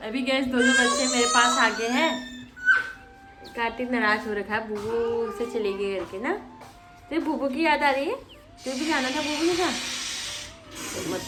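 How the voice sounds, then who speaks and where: A woman's voice: a little high, moderate pace, long pauses, over loud music. A woman in her thirties vlogging casually from her rural family home, chatting to viewers and her children. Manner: chatty, addresses viewers as guys, lively with the kids. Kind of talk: casual home vlog chat.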